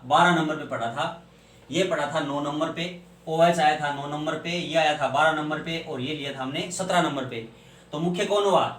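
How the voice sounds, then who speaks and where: A man's voice: fairly high pitch, fairly bright tone, recorded from a distance, slight background noise. A male chemistry teacher, lecturing and asking questions he then answers himself. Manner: asks questions and answers them himself, spells out names. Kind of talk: classroom lecture. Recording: echoey room, voice from off-mic.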